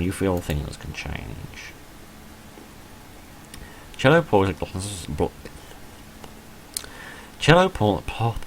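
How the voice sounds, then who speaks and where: A man with a low voice plays a visual novel on video, reading the game text and adding dry, self-deprecating asides off-script. It's a rough recording with a little hiss or hum.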